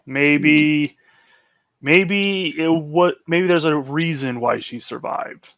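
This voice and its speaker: A man running a tabletop game as game master, his voice sitting a little high for a man. He narrates hesitantly, often restarting and filling pauses. The recording is dry and close, with no room sound. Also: a bit bright, dry recording, muffled recording.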